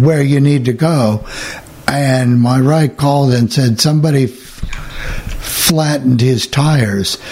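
A man's voice: mid-range voice, darkish tone, slightly rough. A man hosting a show with casual, rambling, folksy unscripted chat. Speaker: show host.

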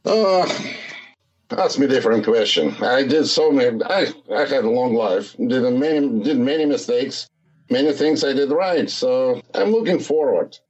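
A man's voice: mid-range voice, expressive, measured pace, a little mellow, breathy edge, highs cut off. Russian-accented older man, hesitant. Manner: hesitant, searching for words. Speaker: guest, startup founder. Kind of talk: casual interview.

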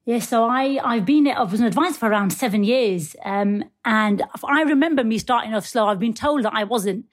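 A woman's voice: on the high side, moderate pace. Woman recalling her career. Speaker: guest advisor. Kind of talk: casual interview chat.

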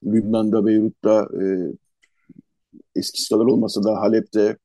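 A man hosts a radio interview in a mellow, darker voice. He speaks unhurriedly, often pausing to search for words. The sound is close and dry, with no room around it. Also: on the low side, monotone, no room sound. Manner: unhurried, hesitant, lists places one by one. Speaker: radio show host.

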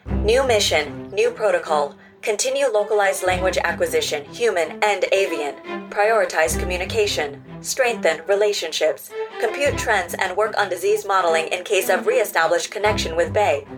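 An actress voicing a helpful robot in an audio drama, speaking in a measured, precise way. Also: female voice, medium pitch, music in the background, lightly acted. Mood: calm. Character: helpful female-voiced robot, calm and precise.

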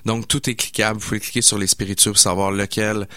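A man in his forties from Quebec City, speaking with a Québécois French accent, guests on a casual radio interview as a mixologist. His fairly low voice stays level while he talks fast, pushed and bright, full of hesitant fillers and enthusiasm. The studio mic captures no room sound.

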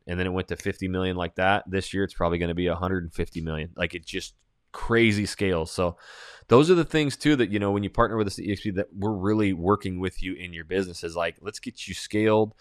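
A man's voice: sits low, clear, resonant tone, no echo, clean studio sound. A man, a real estate agent, talking casually and emphatically while answering audience questions, with many fillers.

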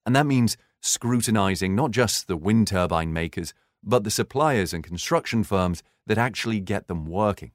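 A man narrating a scripted corporate podcast in a measured, formal, explanatory way. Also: lowish voice, lively intonation, dry recording, clean studio sound.

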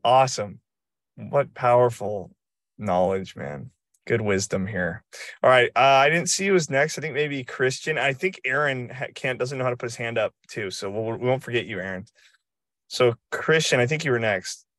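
Hyped podcast host on a dry video call. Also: male voice, medium pitch, moderate pace, fairly bright tone, no room sound. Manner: hyped, emphatic, slangy. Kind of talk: energetic casual chat.

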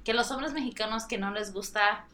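A woman's voice: mid-range voice, moderate pace, pushed and bright. A woman co-hosting a casual group chat, curious and questioning, switching between English and Spanish. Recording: echoey room.

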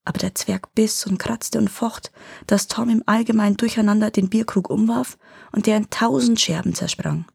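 A woman storyteller reading a fairy tale aloud. Her narration is gentle and measured, with a mellow, slightly husky voice. The recording is close and dry. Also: medium pitch, dry recording.

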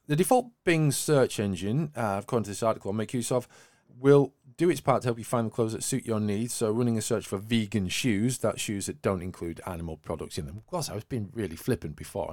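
On a semi-scripted tech news podcast, a man with a lowish, slightly mellow voice alternates between reading items and adding wry, flippant remarks. The recording is dry, with no echo and little sense of room.

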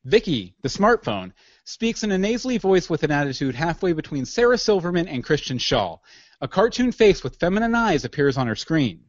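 A man's voice: fairly high pitch, very animated, brisk, no echo, muffled recording. A man narrating scene directions in a matter-of-fact way for an audio drama.

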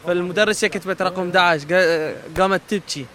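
A man's voice: high-pitched, quick pace, fairly bright tone. A man with a Levantine Arabic accent telling jokes animatedly.

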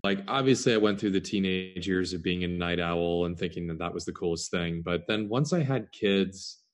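Middle-aged male guest, very low pitch, easygoing and rambling delivery. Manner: relaxed, rambling, stretches some words slowly. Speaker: podcast guest, startup founder. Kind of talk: casual interview conversation.

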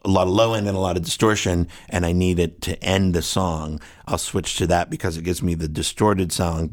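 A man with a very deep, low-pitched voice, walking through his gear in a long, rambling, technical explanation. He often sounds out rhythms with nonsense syllables as he goes. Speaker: guest musician.

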